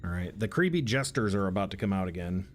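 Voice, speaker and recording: A man's voice: sits low, lively intonation, fast, soft background music. A man streaming a game, making casual, joking asides to his chat. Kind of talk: casual gameplay commentary.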